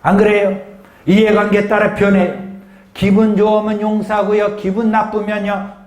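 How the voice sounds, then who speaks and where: A man's voice: high voice, level tone, normal speed, a little mellow, roomy sound. A man pastor preaching a sermon with emphasis, often asking the congregation questions.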